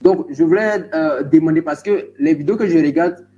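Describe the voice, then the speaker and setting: A man's voice: on the high side, fairly quick, dark tone. A man in a group video call politely asking the coach a question, hesitant with many fillers. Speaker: coaching participant. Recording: dull call audio with faint noise.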